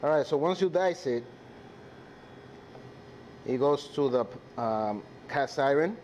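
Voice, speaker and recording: A man's voice: mid-range voice, lively intonation, takes it slowly, a little mellow. A man with a Dominican accent, a native Spanish speaker, chatting casually to viewers and crew as he hosts a cooking demonstration. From Dominican Republic. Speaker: chef hosting a live cooking class. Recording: clear sizzling and kitchen noise.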